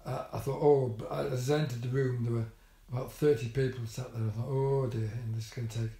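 A man's voice: mid-range voice, flat delivery, brisk, dark tone. An older man telling a story about his hospital visit in a casual vlog, with dry, wry humour and many ums and restarts. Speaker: vlogger. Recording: echoey room.

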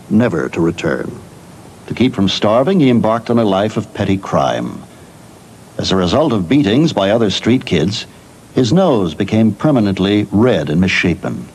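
A man's voice: fairly low pitch, a little mellow, slight background noise, rough recording. A middle-aged man presenting a documentary with polished, scripted storytelling narration.

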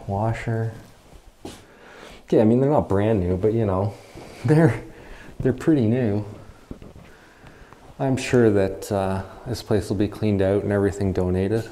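Slow-talking man exploring an empty house. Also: lowish voice, warm tone, slight background noise. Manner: chatty, easily amazed, quick laughs. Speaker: urban explorer host. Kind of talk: casual walkthrough commentary. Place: empty abandoned house, indoors.

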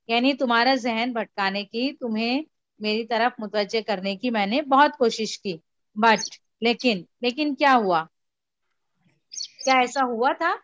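A woman's voice: fairly high pitch, fairly bright tone, no echo, dull audio. A woman teacher explaining a story to a class, patiently repeating and mixing in English. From India. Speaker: school teacher.

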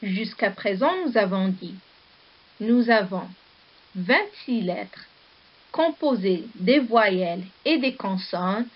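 A woman teacher giving a slow, deliberate lesson, spelling out letters and syllables one at a time. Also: mid-range voice, expressive. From Morocco. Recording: dull lo-fi video recording.

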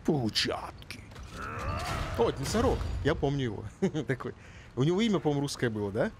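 A man's voice: medium pitch, sing-song, brisk. A man giving amused, chatty game commentary over noisy game sound. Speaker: gamer streamer.

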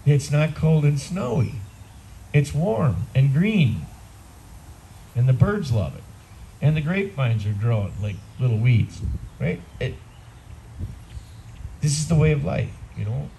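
A man in his sixties with an Upper Midwest American accent preaches an easygoing, conversational homily. His voice is gravelly and dark-toned. He speaks outdoors on a garden patio, heard from a camera set some way off, with a faint hiss in the background. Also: on the high side, big pitch swings, measured pace, pauses often, rough recording. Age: 60s. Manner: conversational, plain-spoken preaching. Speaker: priest. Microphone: far camera.

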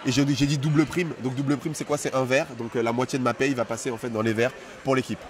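A man's voice: mid-range voice, fairly even intonation, fast, recorded from a distance, crowd noise. A young man, a student club president, answers a street interview with eager talk, outdoors on a city campus with a handheld mic.

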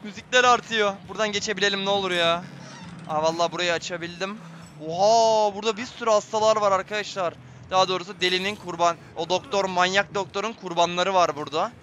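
High, bright-voiced man, jumpy game commentary. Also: fairly even intonation, fast talker, a little hiss or hum. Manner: tense, jumpy, talks to viewers. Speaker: gameplay streamer. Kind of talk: live horror game commentary.

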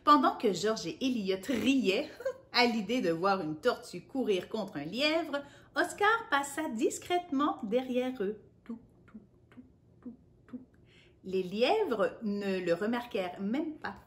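A woman reading a picture book to children, playful and animated, adding sound effects and asides. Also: fairly high pitch, takes it slowly. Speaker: children's storyteller.

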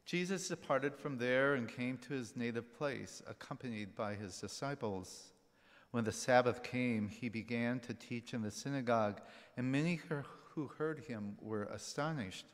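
Man proclaiming the Gospel in a church. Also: mid-range voice. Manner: steady, measured proclamation. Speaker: deacon reading the Gospel. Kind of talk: liturgical Gospel reading. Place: church sanctuary at the ambo. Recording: long hall reverb.

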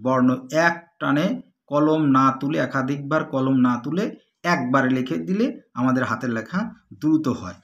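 A man who teaches handwriting. He speaks in a measured, deliberate way and keeps pointing things out to the viewer as he demonstrates. His voice sometimes drops and moves off the mic while he writes. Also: mid-range voice, a bit bright, lo-fi sound. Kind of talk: instructional lesson while demonstrating writing.

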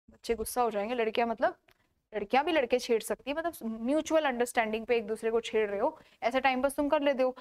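A woman's voice: high voice, clear, resonant tone. A young woman giving casual, emphatic study advice to students, repeating her points and asking rhetorical questions.

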